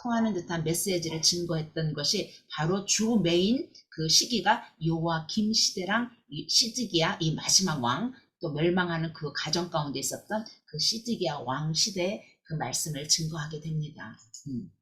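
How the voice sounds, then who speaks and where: A woman's voice: sits low, expressive, normal speed, hardly any pauses, fairly bright tone. A woman teaching a Bible lecture, earnest and emphatic, with frequent fillers and restarts.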